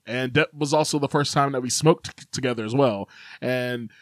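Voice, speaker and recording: A man's voice: mid-range voice, normal speed, dry recording, studio quality. A young man from Chicago co-hosting a podcast in casual chat, rambling with lots of fillers and easy laughs. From Chicago, United States. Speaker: podcast co-host.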